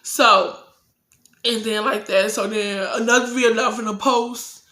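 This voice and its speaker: A woman's voice: a little high, fairly even intonation, a little slow, pushed and bright, reverberant. A young woman telling a casual, profane storytime and acting out her own heated replies.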